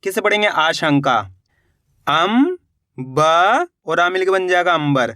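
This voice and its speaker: A man teaching reading, sounding out each syllable slowly and patiently and landing lower on each finished word. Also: animated, pushed and bright, no room sound, clean studio sound. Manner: patient, repetitive, drops pitch on each answer word. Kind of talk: spelling out syllables slowly for learners.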